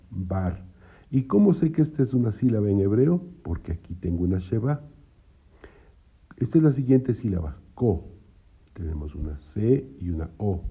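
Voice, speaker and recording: A man's voice: lowish voice, breathy edge, highs cut off. A man teaching a patient, repetitive lesson on Hebrew syllables, checking in with his listeners as he goes. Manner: patient, repeats points, asks "¿no?". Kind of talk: explaining biblical Hebrew syllables.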